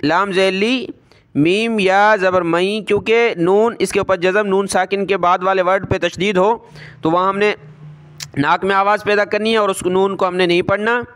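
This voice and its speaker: A man teaching Quran recitation, spelling out letters and vowel marks, then chanting each verse slowly. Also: high voice, fairly even intonation, fairly bright tone, clean tone. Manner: slow drawn-out chanting of verses.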